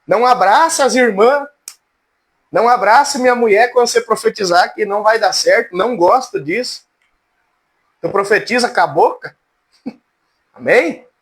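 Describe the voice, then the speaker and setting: A man's voice: normal speed, long pauses, a bit bright. A man teaching an informal Bible class, folksy and humorous, calling on his students by name. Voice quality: high, cracked voice. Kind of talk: informal church class lecture.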